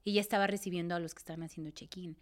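A woman's voice: lowish voice, fairly even intonation. A woman in her thirties, co-hosting a casual podcast, telling a story in a chatty way and quoting what people said. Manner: chatty, quick to defend, quoting others. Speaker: podcast co-host.

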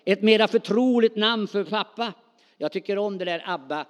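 A middle-aged man preaching a sermon, talking spontaneously and calling out questions to the congregation in a church hall. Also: sits high. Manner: animated, spontaneous, calls out to the congregation. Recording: long hall reverb.

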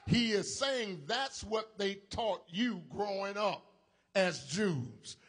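A male preacher, delivering a sermon in a high voice. He moves at an unhurried, drawn-out pace and leans hard on key phrases. He calls on the congregation to answer back. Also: lively intonation, a bit bright. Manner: slow, emphatic preaching with call-and-response to the congregation.

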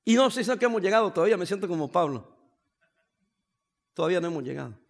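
A man in his fifties delivers a sermon from the pulpit in a high voice. He preaches in an animated, joking way and drops English phrases into his talk. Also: fast, vocal fry. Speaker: pastor.

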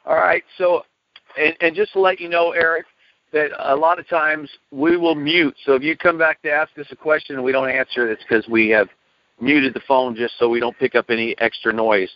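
A man's voice: fairly high pitch, steady tone, normal speed. A man hosting a radio show in a casual, conversational style. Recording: dull lo-fi radio call audio.

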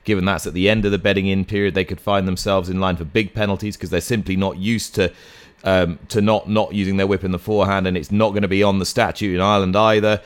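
Deep-voiced male presenter, dry sound. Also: level tone, fast talker, dry recording. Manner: clear, scripted link delivery. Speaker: racing presenter and interviewer. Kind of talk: broadcast presenting.

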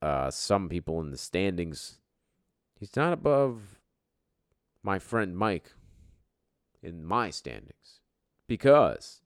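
A man hosts an informal fantasy football league show, counting down a top ten with profane, bro-style trash talk. His voice sits at medium pitch, recorded in studio quality with no echo.

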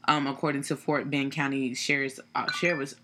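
A woman co-hosting a casual podcast, chatty and quick to laugh, recounting a news story with many fillers. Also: very deep voice, little pitch movement, noisy background. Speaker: podcast co-host. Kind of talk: casual chat.

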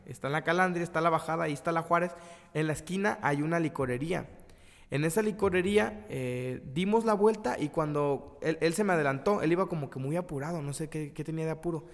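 A man with a Mexican accent tells a long personal story in casual, slangy chat. He often stops and restarts his words. His voice sits a bit high, and a long reverb hangs on it. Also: quick pace.

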